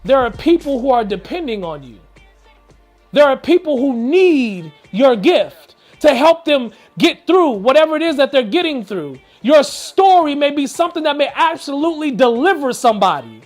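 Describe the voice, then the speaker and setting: A man's voice: extremely high pitch, very animated, normal speed. Guy doing an earnest pep talk, kinda preachy, faint music in the back. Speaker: inspirational video host. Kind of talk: motivational storytelling talk.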